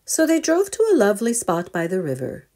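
Speaking fairly quickly in a medium pitch, a woman reads aloud from a children's storybook. As a storyteller for young listeners, she is expressive and asks them questions.

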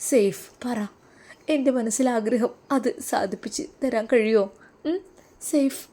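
A woman voicing an anxious wife who presses her husband with urgent, high-pitched questions. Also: unhurried, dark tone. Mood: urgent, pleading. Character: anxious eager wife, pleading and insistent.

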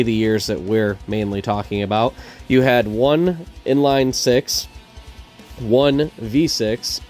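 A man in his thirties hosting his car channel's vlog in a casual, self-deprecating, rambling way. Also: mid-range voice. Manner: laid-back, self-deprecating, rambling with fillers. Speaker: channel host.

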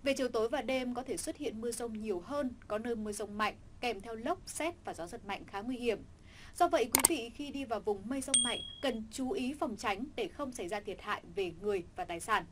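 A woman reading a scripted weather forecast in a steady, formal newsreader manner. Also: fairly high pitch, brisk, noisy background.

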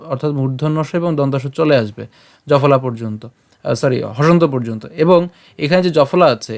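Man teaching slow verse pronunciation. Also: fairly high pitch. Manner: slow, syllable-by-syllable drilling of verses; chanted verse recitation. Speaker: scripture recitation teacher. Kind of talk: slide-based pronunciation lesson.

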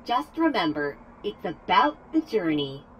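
A woman's voice: fairly low pitch, big pitch swings, a little slow, slightly rough, muffled recording, full character voice. A woman voicing a chirpy, cheerful female robot guide in a video game, bubbly and upbeat. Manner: bubbly, upbeat, calls player "human".

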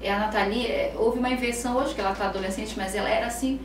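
A woman with a Brazilian Portuguese accent, a psychologist who is a guest on a podcast and tells stories lively, acting out her children's voices. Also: on the high side, racing, far from the mic, slight background noise. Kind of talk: podcast interview, explaining. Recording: roomy, off-mic, faint ambience.

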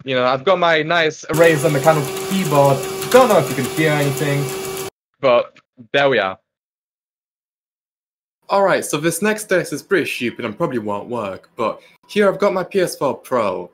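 In a small carpeted bedroom at his computer desk, a young adult British tech tester does a casual, off-the-cuff product demo peppered with dry jokes. His voice is on the high side and expressive, at normal speed, over a noisy background. The mic varies between a desktop microphone, a laptop mic, or a phone.

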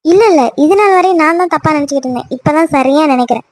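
A woman voicing a hurt, angry young woman in a cartoon love story, snapping sharp, dismissive retorts. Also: sits high, racing. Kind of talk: cartoon voice acting.

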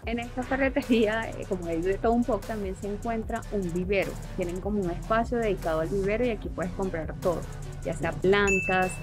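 Chatty Venezuelan woman touring a store. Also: medium pitch. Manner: chatty, reading out prices while browsing. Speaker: vlogger. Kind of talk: casual vlog tour. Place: large hardware store in a mall, indoors.

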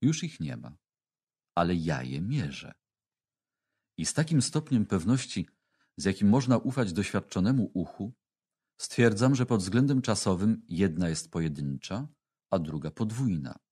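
A man reading a classic religious text aloud as an audiobook, in a slow, measured way with long pauses. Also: sits low, very animated, warm tone, husky. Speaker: audiobook reader.

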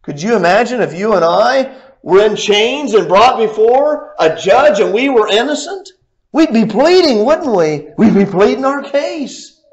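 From a church pulpit, a young man preaches a sermon, swinging between loud, raised lines and low, quiet ones. A distant camera captures him, and the high frequencies are cut off.

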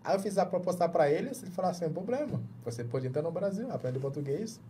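Here a man talks fast and animatedly in a high, warm voice, with slight background noise. A journalist from Jamaica in his thirties, he has a Jamaican accent and sits as a guest in a small padded studio, chatting informally in an interview and frequently restarting words as he searches for the Portuguese.

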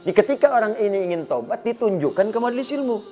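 Animated preacher man, higher voice. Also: fast. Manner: storytelling with acted dialogue and Quran recitation; lively, swings between loud emphasis and soft asides. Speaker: Islamic preacher. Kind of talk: sermon.

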